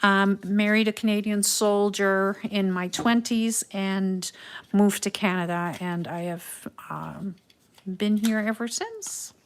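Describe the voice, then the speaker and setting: As the host of a craft livestream, a middle-aged Dutch woman chats with her viewers at an easy pace, thinking aloud with frequent ums. She speaks with a Dutch accent in a medium-pitched, clean tone.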